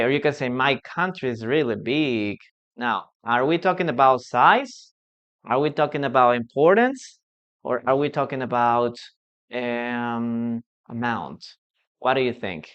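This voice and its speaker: Slow, patient man teaching English. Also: mid-range voice, fairly bright tone, clear, resonant tone. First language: Spanish. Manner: patient, repetitive, checks understanding with frequent "okay?". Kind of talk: live online English lesson. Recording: dull lo-fi stream audio.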